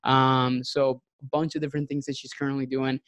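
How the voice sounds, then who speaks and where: A man's voice: mid-range voice, little pitch movement, fairly quick, a bit bright, no echo. A man from Venezuela, a nutrition coach hosting a podcast, talking casually with many ums and restarts. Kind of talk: casual podcast introduction and interview.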